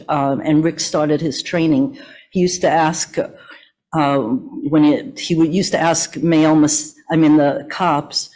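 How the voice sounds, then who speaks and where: A woman reads prepared remarks at a meeting, measured and steady in pace, often pausing to call for the next slide. Her voice trembles from the cold. She speaks in a hotel meeting room. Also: low-pitched, rough recording. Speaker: massage therapist giving a meeting presentation. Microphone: meeting audio from a hotel room.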